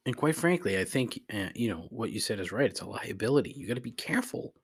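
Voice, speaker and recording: Talking fast with an expressive, lowish voice and a breathy edge, a man runs a podcast segment answering voicemails. It's casual, rambling solo commentary, laced with swearing and gripes aimed at listeners.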